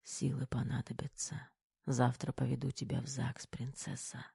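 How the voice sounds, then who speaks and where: A man voicing a wounded young army major, gruff but tender, speaking in a weak hushed whisper in an audiobook. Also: fairly high pitch, moderate pace, no echo, studio quality, close to an everyday voice.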